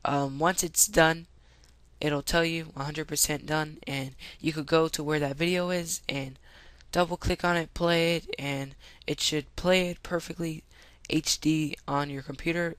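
A man with a squeaky voice giving a casual, step-by-step software tutorial as its host. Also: no room sound. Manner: instructional, step-by-step. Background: background music.

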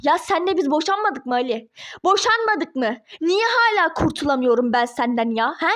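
A woman voicing a furious young ex-wife in a toy-game role-play drama, shouting threats and cursing. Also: high-pitched, sing-song, moderate pace.

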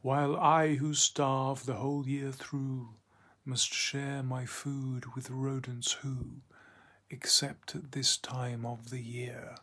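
A man reading verse in a breathy, husky voice, often dropping to a near whisper. He takes it very slowly, leaving long pauses between lines. His pitch sits in the middle of the range. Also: little pitch movement. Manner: hushed, half-whispered delivery; slow, deliberate phrasing with long pauses. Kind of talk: poetry recitation.

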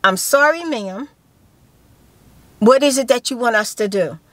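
A woman's voice: a little high, unhurried, no echo. A woman, telling a story to camera in a casual chat from inside a parked car, gesturing a lot and repeating herself for emphasis. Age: 50s. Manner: animated storytelling with hand gestures and repeated phrases. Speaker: vlogger. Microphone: phone camera held close.

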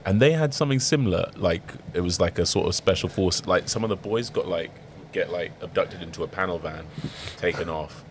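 Young co-host, deep-voiced, relaxed and chatty. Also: male voice, brisk, few pauses, noisy background. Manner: laid-back banter, slangy. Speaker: podcast co-host, rugby player. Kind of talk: casual chat.

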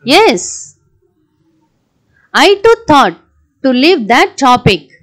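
A woman doing a high, sing-song schoolchild. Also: big pitch swings, extremely slow, a bit bright, heavily acted. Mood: cheerful. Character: cheerful schoolchild Kavi, friendly. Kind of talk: school puppet show voice acting.

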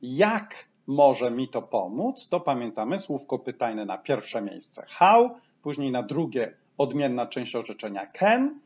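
A man teaching a language lesson, patiently explaining and saying each example phrase slowly twice. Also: medium pitch, sing-song, darkish tone, lo-fi sound. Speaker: English teacher.

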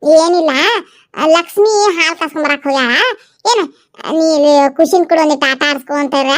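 A woman voicing a stern mother-in-law who gives brisk orders, with a North Karnataka Kannada accent. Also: high-pitched, lightly acted. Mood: ordering.

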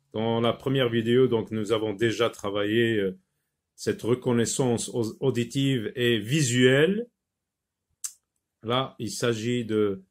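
A man teaching French phonics, repeating each word slowly with many hesitations. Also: mid-range voice. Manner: slow, repeats words, many filler hesitations. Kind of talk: slow phonics lesson.

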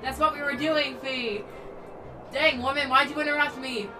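A woman's voice: high-pitched, steady tone, normal speed, distant mic, rough recording. A young woman hosting a let's play, chatting through her gameplay in a bubbly, giggly way over game music. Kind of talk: casual gameplay commentary. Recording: game music loud behind voice.

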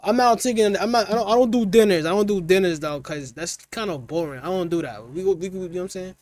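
A young man in his twenties, an Omegle video chat host, banters brashly with strangers over a headset, full of slang and teasing. His voice is high, fast and somewhat dark in tone, captured in studio quality with no room sound, while he sits in a small dim room with colored lights.

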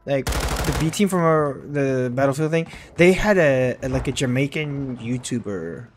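A man in his thirties streaming a game, chatting casually with friends, excitable and swearing, chanting silly nonsense. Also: medium pitch, measured pace, a little hiss or hum. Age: 30s. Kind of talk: casual gaming chat with friends.

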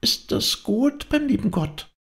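A man voicing a frightened little girl, with hushed, anxious questions, in a storybook reading. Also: extremely high pitch, sing-song, a little slow, pitched above the performer's own voice, heavily acted. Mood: anxious wonder.

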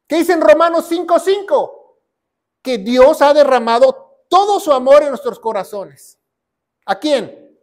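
A pastor with a very high voice preaches a sermon, posing questions and answering them himself. He repeats key phrases and rises to shouts.

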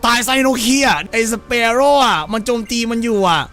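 A man's voice: very high voice, moderate pace, a bit bright, faint music behind. A man streaming a game, joking crudely and putting on silly voices for the characters. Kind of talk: let's-play commentary.

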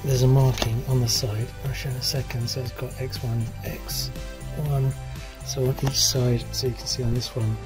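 A middle-aged man talking casually while he rebuilds a car engine outdoors, thinking aloud with pauses and fillers. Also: mid-range voice, little pitch movement, over music. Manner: thinking aloud, stop-start explaining with fillers. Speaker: DIY car mechanic. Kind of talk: casual workshop explanation. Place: outdoor driveway.

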